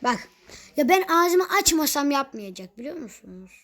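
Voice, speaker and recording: A young woman with a fairly high voice chats over her gameplay. She is quick to get exasperated at teammates and drops teasing jokes. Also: big pitch swings, fairly bright tone. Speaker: gaming youtuber. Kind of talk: casual gameplay commentary.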